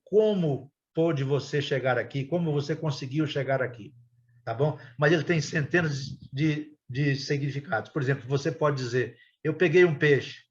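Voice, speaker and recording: Brazilian guy teaching a class, reads examples real slow, kinda high voice, muffled lo-fi sound. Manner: slow, deliberate reading of example sentences. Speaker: English teacher. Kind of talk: classroom explanation.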